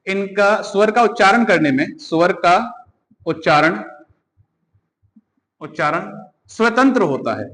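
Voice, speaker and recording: High-voiced man teaching in a reverberant room. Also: fairly bright tone. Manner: repeats key points, asks and answers his own questions. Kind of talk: exam-prep grammar lesson.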